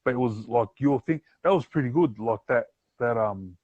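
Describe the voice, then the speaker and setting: Male podcast host, broad Kiwi accent, medium-low pitch, dry close sound, loose slangy chat full of "bro". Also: normal speed, darkish tone, no room sound, lo-fi sound. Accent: broad New Zealand. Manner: slangy, affirming, often says bro. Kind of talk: casual interview chat. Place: remote live-stream call.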